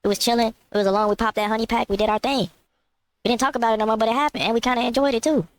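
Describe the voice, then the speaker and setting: A man's voice: very high voice, steady tone, very fast, clean tone, no room sound. A man delivering a mock-serious comedy monologue, insisting on absurd claims. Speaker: skit comedian.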